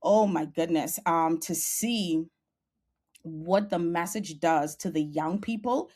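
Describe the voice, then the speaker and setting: A woman's voice: fairly low pitch, slow, a little mellow. A young adult woman with a Bahamian accent, a podcast guest speaking earnestly and passionately about her journey, over a video call. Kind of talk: podcast interview.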